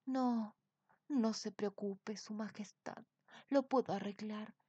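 A woman's voice: medium pitch, fairly even intonation, slow, dark tone, husky, no echo, dull audio. A woman voicing an anxious but kind man wizard who soothes and explains. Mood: soothing. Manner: soothing, nervous.

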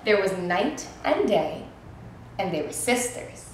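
A woman's voice: lowish voice, expressive, slow pace, slight background noise. Kind storybook shooting star, read by a woman teacher; inviting storyteller, echoey room.

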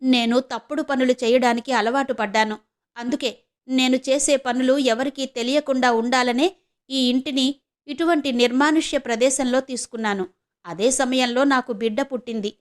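A woman's voice: high voice, fairly even intonation, normal speed, lightly acted. A woman narrator voicing a remorseful birth mother who confesses in a storybook reading. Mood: regretful. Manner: confessing, regretful.

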